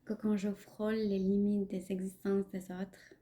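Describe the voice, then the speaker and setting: Woman, Pakistani accent, Punjabi native, reflective spoken-word monologue, slow delivery, very dark warm voice, soft near-whispers. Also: medium pitch, little pitch movement. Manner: measured and poetic, dropping to near-whispers on some phrases. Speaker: podcast host.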